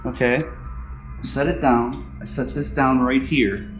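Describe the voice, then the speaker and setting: A man's voice: medium pitch, steady tone, slow pace, faint music behind. A man talking casually to camera as a paranormal investigator, rambling and self-deprecating. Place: stuffy indoor upper room.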